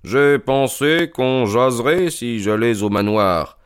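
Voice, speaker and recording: A man voicing a calm, shrewd detective who speaks softly and gravely, in a slow, deliberate way. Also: mid-range voice, no echo, studio quality, voice pushed up, natural voice. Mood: grave, gentle. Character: calm shrewd male detective, middle-aged, gentle and grave.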